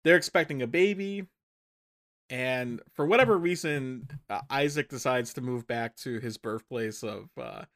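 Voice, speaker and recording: A podcast co-host recaps a film in casual movie-review chat, rambling, correcting himself along the way, and laughing often. His mid-range voice is unhurried with a fairly bright tone.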